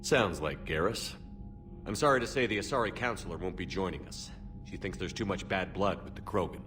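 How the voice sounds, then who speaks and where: Low-voiced, steady starship commander played by a man. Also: a little fast, music in the background, close to an everyday voice. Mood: sober, sympathetic. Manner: firm, serious, plain-spoken. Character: steady, authoritative human male starship commander. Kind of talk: dramatic video game acting.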